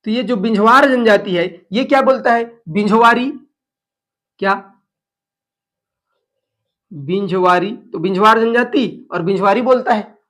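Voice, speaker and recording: Drilling exam facts in a lecture, a man with an extremely high-pitched, fairly bright voice asks questions and answers them himself. He mixes in local Chhattisgarhi phrases.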